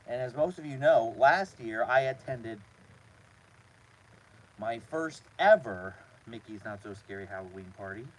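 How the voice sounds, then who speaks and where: A man hosting a casual live stream from inside a small trailer, talking to his chat in a halting way with repeated words. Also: medium pitch, expressive, low-quality recording. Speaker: host of a live show.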